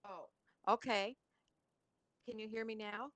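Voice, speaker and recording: A woman's voice: mid-range voice, fairly even intonation, measured pace, fairly bright tone, no echo. A woman giving brief, hesitant comments at a public hearing, her voice faint and distant because her phone is held away from her mouth.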